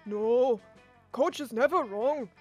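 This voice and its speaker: A woman voicing a stubborn teen monster student in a lower, slower voice, with blunt, dismissive phrasing. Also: mellow, soft background music.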